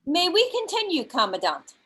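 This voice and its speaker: A woman playing a blunt, sharp-tongued old mother. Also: very high voice, normal speed, full character voice. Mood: sardonic. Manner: blunt, deadpan insults. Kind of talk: amateur sitcom table read.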